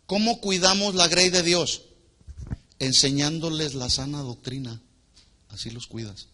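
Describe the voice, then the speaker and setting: A man preaching a sermon to a congregation as their pastor. He asks the people questions, waits for their answers, and swings between loud emphatic lines and quiet asides. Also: fairly high pitch, measured pace. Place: church hall before a congregation.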